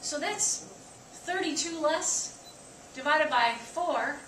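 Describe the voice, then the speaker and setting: A woman's voice: high voice, slow pace, a bit bright. Chatty woman dietitian in an echoey room. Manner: chatty, counts aloud and asks the audience questions. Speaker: dietitian giving a talk. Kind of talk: lively nutrition talk to a staff audience. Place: staff meeting room. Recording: echoey room, from far off, noisy.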